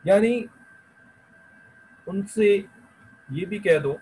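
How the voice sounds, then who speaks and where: A man teaching an online class on the translation of Quran verses. He recites the Arabic slowly and then explains each phrase in plain Hindustani, checking in with "theek hai" between points. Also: sits high, darkish tone, a little hiss or hum, poor audio.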